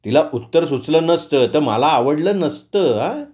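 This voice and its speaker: A man narrating a story in the first person, expressive and conversational, with asides to his listeners. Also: on the high side, a little slow.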